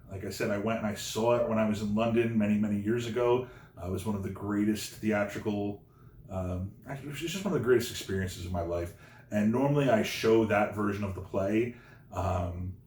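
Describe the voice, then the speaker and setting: A man's voice: on the low side, reverberant, a little hiss or hum. A man teaching an English lesson from his home, chanting syllables emphatically for his class to repeat. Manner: earnest and gentle when addressing students at the close. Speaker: high school English teacher. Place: room at home.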